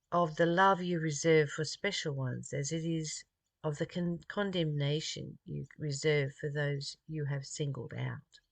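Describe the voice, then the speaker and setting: An Australian speaker reads a spiritual text aloud, adding personal reflections in a deliberate, earnest way. The voice is mid-range with a fairly bright tone, and there is no room sound.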